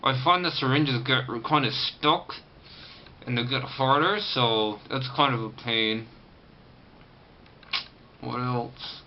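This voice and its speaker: A man talks with a sore jaw held shut, his words tight and restricted. He speaks casually and haltingly in a personal vlog style, often trailing off. The recording is dull and lo-fi, with clear noise behind him. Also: medium pitch. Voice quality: restricted, tight-jawed articulation from a banded, sore jaw after surgery. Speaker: vlogger. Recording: muffled, lo-fi camera audio with clear background noise.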